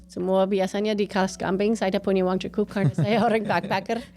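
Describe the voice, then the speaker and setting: A woman's voice: mid-range voice, fairly even intonation, brisk, dark tone, faint music behind. A woman from the United States with an American accent tells personal stories casually in Indonesian as a foreigner, a native English speaker slipping into English phrases. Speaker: interview guest, gallery owner and painter.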